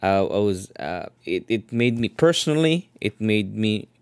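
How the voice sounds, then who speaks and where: Deep-voiced halting podcast host man. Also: animated, smooth, no room sound, clean studio sound. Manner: halting, repeats words while searching for phrasing. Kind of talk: interview questions, casual chat.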